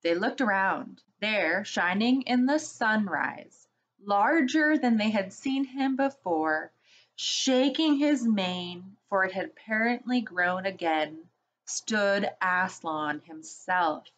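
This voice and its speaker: Slow, gentle woman reading a storybook. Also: mid-range voice, lively intonation, muffled recording. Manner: slow, gentle, with asides to children. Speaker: children's story reader for a church. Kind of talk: reading a children's book aloud.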